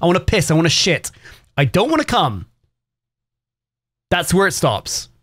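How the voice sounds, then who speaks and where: A man's voice: sits high, huge pitch swings, normal speed, a bit bright, no room sound, clean studio sound. A man streaming live who chats casually with his viewers, swears often and rambles in a sarcastic way. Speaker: variety streamer.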